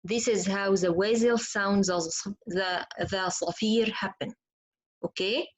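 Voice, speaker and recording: A woman's voice: medium pitch, fairly even intonation, a little slow, poor audio. A woman whose first language is Arabic, teaching Quran pronunciation in an online lesson and demonstrating letter sounds patiently.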